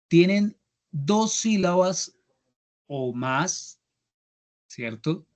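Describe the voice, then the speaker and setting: A young man teaching an English grammar class, patiently repeating each step and checking that students follow. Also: on the high side. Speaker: English instructor. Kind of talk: online class explanation.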